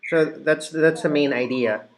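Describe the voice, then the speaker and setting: A man from the Philippines hosting a casual coaching conversation, calmly explaining and giving advice. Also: a little high, slight background noise. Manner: measured, advising, explaining. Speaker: host, trainer.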